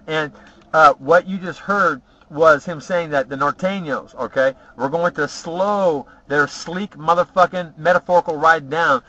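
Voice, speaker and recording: A man telling rambling, boastful stories from his past, swearing freely and filling pauses with "uh" and "you know what?". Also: fairly high pitch, sharp tone. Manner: profane, boastful, rambling with many fillers. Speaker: vlogger telling personal stories. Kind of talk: casual storytelling monologue. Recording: dull lo-fi home video audio.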